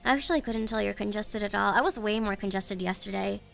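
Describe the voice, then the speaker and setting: An American woman with a congested, stuffy voice chats casually with her live-stream audience, giggling and tripping over her words. Her medium-pitched voice has vocal fry and a moderate pace, with soft music playing in the background.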